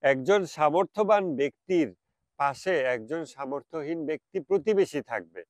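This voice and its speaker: A man with a Bangladeshi Bengali accent gives a reflective religious talk, slipping slow English phrases into his speech. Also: high-pitched, no echo. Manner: mixes English phrases, stretches them out slowly. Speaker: speaker.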